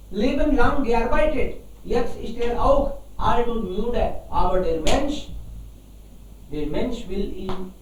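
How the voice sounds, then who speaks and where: A woman teacher explaining a fairy tale in a language lesson, patiently repeating and explaining words. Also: on the high side. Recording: echoey room, far from mic.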